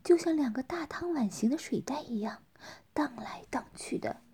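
A woman narrates an adult audio story in a soft, unvoiced whisper. Her delivery is quiet and intimate, steady from line to line. The voice sits high for a woman even under the hush. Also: moderate pace, a little hiss or hum.

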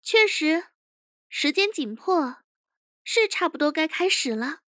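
Woman playing a cocky young male interrogator, very high voice, dry close mic, audio drama. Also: very animated, slow, fairly bright tone, no room sound, exaggerated voice. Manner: cocky, confident. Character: young male interrogation chief, proud, touchy.

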